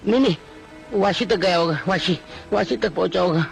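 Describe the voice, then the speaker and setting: A simple-minded young villager who begs and repeats himself in a panic. The voice is very high and sharp, over faint film music. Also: male voice, lively intonation, fairly quick, exaggerated voice. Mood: rambling. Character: frantic, simple-minded young village man accused of murder. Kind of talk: dubbed film acting.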